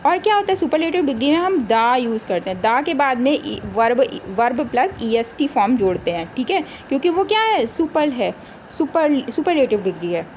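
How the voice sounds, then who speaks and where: Woman, grammar teacher for exam prep, high voice, faint background noise; asks then answers her own questions. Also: very animated, darkish tone, poor audio. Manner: reads example sentences slowly.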